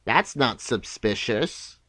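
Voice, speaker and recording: A man giving scripted, nitpicking video commentary in a deadpan, sarcastic manner. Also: mid-range voice, takes it slowly. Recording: clear background noise.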